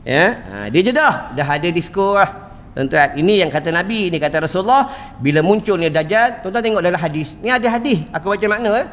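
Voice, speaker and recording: A man's voice: sits high, expressive, a little fast, fairly bright tone. A male preacher with a Malaysian accent giving an emphatic sermon, often addressing his listeners directly and adding humorous asides. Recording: long hall reverb.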